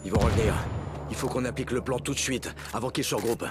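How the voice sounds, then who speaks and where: An actor playing a decisive special forces squad leader with a terse, commanding manner in a video game. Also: male voice, mid-range voice, fast talker, background noise, lightly acted. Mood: guarded, tactical. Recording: loud music behind.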